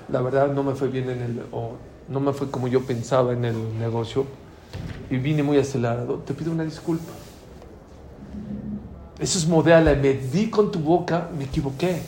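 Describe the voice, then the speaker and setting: A man giving a Torah lecture as a rabbi, animated and acting out quoted dialogue. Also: mid-range voice. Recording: echoey room with faint background noise.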